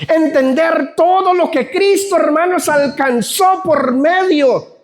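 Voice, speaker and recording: Very high-voiced fervent male preacher. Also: takes it slowly. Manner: fervent preaching, often addresses the congregation as brothers. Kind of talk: sermon.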